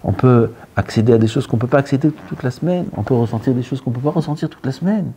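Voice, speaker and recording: A man preaches a Torah sermon, dropping to hushed near-whispers and then rising into lively bursts. His voice is dark and mellow, at a middle pitch. A faint hum of noise sits behind it. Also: quick pace. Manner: mixes Hebrew terms into French. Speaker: rabbi giving a Torah talk.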